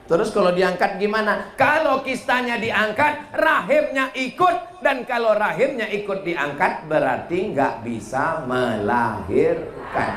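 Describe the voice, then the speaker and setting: A man's voice: sits high, lively intonation, a little slow, few pauses, a bit bright. A male preacher giving a humorous religious lecture, telling stories and acting out dialogue with playful jumps in voice. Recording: echoey hall, faint noise.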